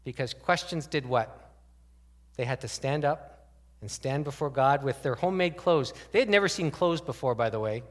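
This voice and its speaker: A man's voice: medium pitch, normal speed, big-room sound. A man preaching a conversational sermon as a pastor, asking the congregation many rhetorical questions. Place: church sanctuary.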